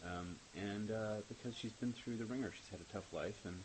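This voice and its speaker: A man, the show's creator, chatting casually on a commentary track, joking and rambling with quick self-mocking asides. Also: fairly low pitch, background noise.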